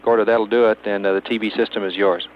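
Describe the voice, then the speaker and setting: A man working as capsule communicator at mission control makes matter-of-fact procedural radio calls over two-way space radio. His low-ish voice is fairly even and quick. The archival link sounds muffled and hissy.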